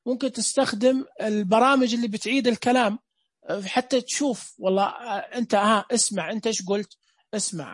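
Loud, clear-voiced man lecturing. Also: high voice, dry recording. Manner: explanatory, asks and answers his own questions. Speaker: teacher trainer. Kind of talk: lecture on teaching reading.

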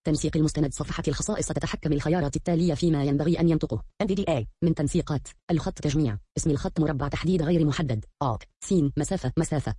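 A male text-to-speech screen reader voice rattling off menu items and checkbox states in a flat machine reading. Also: a little high, rapid-fire, few pauses, slightly rough, dry recording, studio quality. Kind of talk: synthetic screen reader announcements.

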